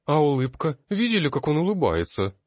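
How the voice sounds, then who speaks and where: A man's voice: a little high, big pitch swings, a little fast, darkish tone, dry recording, voice pushed up. A man voicing a sullen young male student in an audiobook, speaking gloomily and bitterly. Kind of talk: audiobook character voice.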